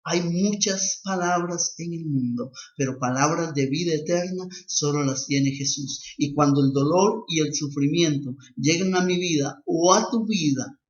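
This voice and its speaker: A man's voice: a little high, unhurried, hardly any pauses. A man preaching a sermon as a lay missionary, emphatic and repetitive in his cadence. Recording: echoey, dull lo-fi recording.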